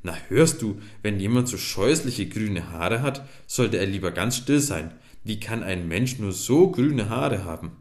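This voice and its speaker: A man's voice: low-pitched, animated, moderate pace. Man doing a grumpy scornful tall man. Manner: gruff and scolding. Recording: echoey room.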